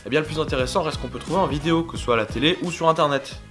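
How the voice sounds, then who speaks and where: A man's voice: fairly high pitch, very fast, a bit bright. A man co-hosting a comedy web show, presenting casually in colloquial, joking talk. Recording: music clearly behind.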